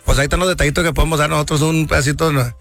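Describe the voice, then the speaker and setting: A man's voice: on the high side, fairly even intonation, gravelly, fairly bright tone, faint music behind. A man, a guest singer chatting in a friendly way and sending greetings. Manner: friendly, quick, sends greetings. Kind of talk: casual radio chat.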